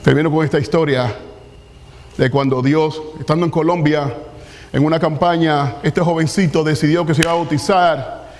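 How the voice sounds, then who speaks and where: A man preaching an impassioned sermon as pastor, building to emphatic peaks and dropping to hushed appeals. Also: fairly high pitch, long reverb tail. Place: large church sanctuary.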